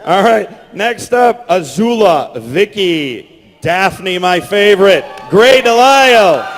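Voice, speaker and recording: A high-pitched, animated man speaks slowly as host and creator of a live convention panel, loudly pumping up the crowd from a large hall stage. Faint music sits behind him, and his stage mic runs through a PA with long, echoey reverb.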